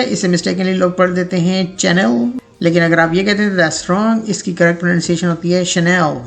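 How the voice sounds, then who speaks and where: Male online teacher with a gravelly voice, who slowly repeats every word. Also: high-pitched, fairly bright tone. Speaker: pronunciation teacher. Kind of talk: video pronunciation lesson.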